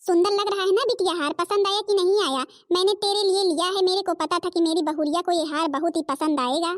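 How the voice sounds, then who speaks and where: A woman's voice: extremely high pitch, fairly even intonation, fairly quick, dry recording, studio quality. A woman voicing a scheming middle-aged mother in a cartoon, bossy and sly.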